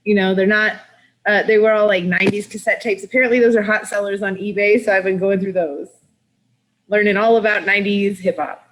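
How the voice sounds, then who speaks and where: A woman co-hosting a podcast, talking in a relaxed, plain-spoken way over a video call. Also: medium pitch, brisk, rough recording. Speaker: podcast co-host.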